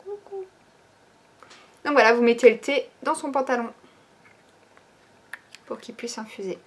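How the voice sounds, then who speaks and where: In a casual chat about new items in her online shop, a woman speaks at a moderate pace with a slightly high voice and steady tone. Fillers like "ben" and "euh" come up constantly, along with hesitations.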